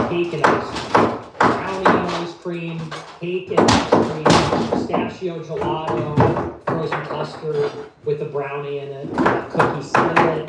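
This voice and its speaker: A livestream host rambles in a blunt, sarcastic way, his voice sitting high for a man. He is well off the mic in a very echoey room. Heavy noise hisses underneath. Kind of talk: casual ranting monologue. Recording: echoey, distant, noisy room.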